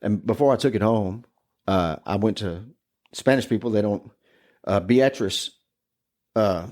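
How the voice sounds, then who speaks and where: A chatty podcast guest tells a ghost story in casual conversation, rambling, cussing a lot and laughing his way through it. His voice is on the low side, a little mellow, at a measured pace.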